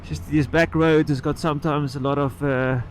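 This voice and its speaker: Higher-pitched man chatting inside a motorcycle helmet. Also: steady tone. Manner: halting, trailing off and picking the thread back up. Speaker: motorcycle vlogger. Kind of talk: casual rambling vlog chat while riding. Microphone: microphone inside the helmet. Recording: inside-helmet sound with road and engine noise.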